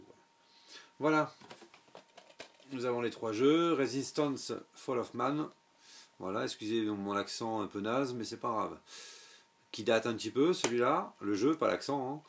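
A man's voice: sits low, gravelly, slight background noise. A man talking through a game unboxing in a casual, hesitant way, full of fillers and offhand remarks. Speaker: video game unboxing vlogger.

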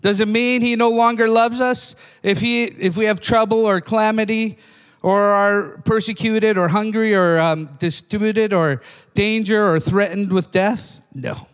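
Older male preacher, high voice, fervent sermon delivery, long hall reverb. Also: fairly even intonation, unhurried, clear, resonant tone. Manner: fervent, repeats "amen?" to the congregation. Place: church.

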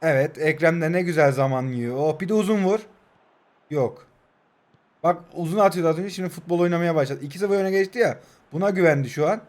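A man's voice: on the high side, brisk, darkish tone. A man in his twenties giving heated live commentary over a mobile football game, urging his players on and needling his opponent. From Turkey. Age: 20s.

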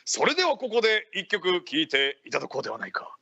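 A man's voice: high-pitched, huge pitch swings, fast talker, sharp tone, slightly rough, highs cut off, heavily acted. A man playing a genial feudal Japanese ninja lord hosting live radio, speaking in archaic samurai-era phrasing. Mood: hearty, earnest. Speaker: radio show host.

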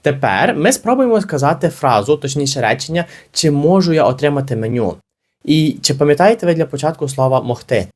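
A man teaching an English lesson, explaining with energy and saying the model phrases slowly and carefully. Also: fairly high pitch, expressive.

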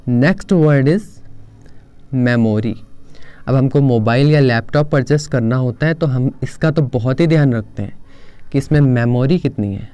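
Man, pronunciation lesson, slow deliberate delivery, mellow smooth voice. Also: medium pitch. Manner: slow, drawn-out model pronunciations repeated. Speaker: pronunciation teacher. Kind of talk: explanatory lesson.

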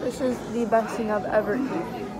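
A woman's voice: medium pitch, fairly even intonation, normal speed. A playful woman vlogging with her phone in a busy restaurant, talking while chewing. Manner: bubbly, playful, teasing. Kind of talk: casual eating vlog chat. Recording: loud crowd noise around the phone mic. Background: loud crowd chatter.

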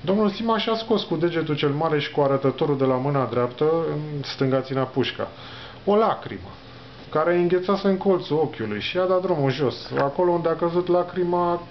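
A male reader reading a novel aloud at a steady, careful pace, on a dull lo-fi recording. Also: on the high side, a little hiss or hum.

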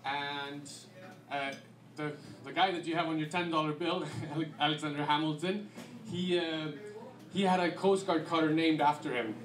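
A man's voice: fairly high pitch, moderate pace, a little hiss or hum. Icelandic man presenting in an echoey room. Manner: relaxed, conversational with frequent fillers. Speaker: guest presenter. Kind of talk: slide presentation to an audience. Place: dim restaurant event room. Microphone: handheld mic.

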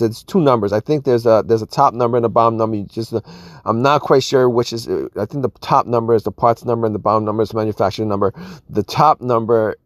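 A man's voice: on the low side, dry recording, clean studio sound. A man casually explaining a car repair, rambling and often saying "all right" and "you guys". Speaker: car repair video host. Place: outdoors at an open car engine bay.

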